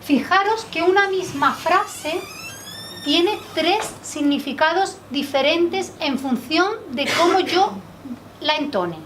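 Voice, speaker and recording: A woman from Spain leading a public speaking workshop in a training room, lively and quizzing the group with questions. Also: very high-pitched, takes it slowly. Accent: Spanish from Spain. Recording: distant mic, faint background noise.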